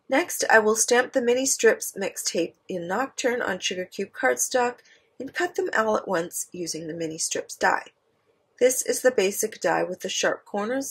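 A woman narrates an instructional voice-over for a card-making demo, explaining each step in turn. Her voice is medium-pitched, creaky, and a bit bright, with a slightly rough quality.

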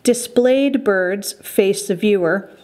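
A woman's voice: mid-range voice, takes it slowly, a little mellow. A middle-aged woman hosting a currency collecting show, giving careful scripted educational narration.

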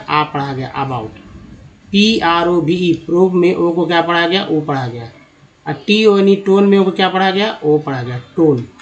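Guy teaching english spelling sounds, fairly high voice, asks then answers himself. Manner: asks questions then answers them, repeats key sounds. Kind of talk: explaining lesson to viewers.

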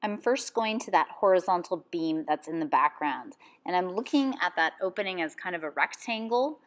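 A woman art teacher giving calm, step-by-step instructions in a drawing lesson voice-over. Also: on the low side, moderate pace.

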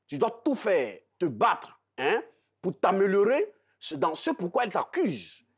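Male panelist, high husky voice, pushes his point again and again. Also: huge pitch swings, measured pace. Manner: insistent, repeats himself, laughs while arguing. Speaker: debate panelist. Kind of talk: heated studio debate.

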